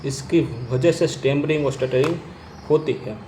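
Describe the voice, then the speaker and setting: A man coaching people who stammer. He stammers himself and repeats first sounds, speaking slowly and deliberately. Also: on the high side, fairly even intonation, dark tone, roomy sound, a little hiss or hum, rough recording. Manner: slow, deliberate delivery with long pauses. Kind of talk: instructional talk to camera.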